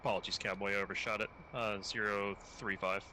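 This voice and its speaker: A man's voice: on the low side, flat delivery, fairly quick. A man speaking as a flight-sim pilot in casual squad radio chat. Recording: loud vehicle-like noise.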